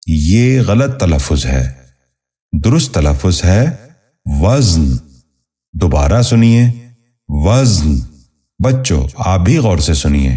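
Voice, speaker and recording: A man hosting a scripted pronunciation lesson, speaking in a measured, formal way and repeating each word with care. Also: sits low, warm tone, breathy edge. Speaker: host and pronunciation teacher.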